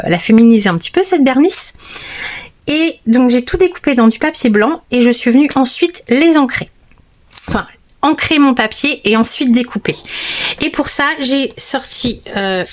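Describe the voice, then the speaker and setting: Chatty woman with a slightly high voice. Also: a little mellow. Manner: chatty, hesitant, many fillers and restarts. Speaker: card-making tutorial host. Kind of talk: casual crafting tutorial. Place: craft table at home at night, under a lamp.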